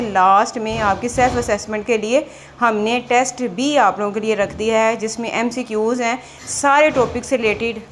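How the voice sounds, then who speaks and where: A woman's voice: fairly high pitch, slight background noise. A woman exam prep teacher, talking through a screen walkthrough in a chatty way, repeating "theek hai" and "ye dekhiye" as she goes.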